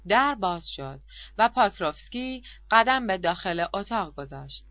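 A woman's voice: mid-range voice, dry recording, muffled recording. Woman narrating an audiobook expressively. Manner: expressive, confessional storytelling. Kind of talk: first-person audiobook narration.

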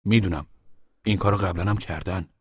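A man's voice: deep voice, slightly rough, no echo, clean studio sound, in a large hall. A man voicing a timid, beaten-down older squatter who gives hesitant, downcast answers, in a storybook reading.

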